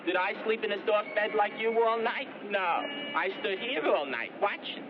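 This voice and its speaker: Grumbling lookout, high voice, defensive, muffled old film sound, street noise. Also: male voice, expressive, moderate pace. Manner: defensive, complaining. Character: grumbling male lookout on a night watch.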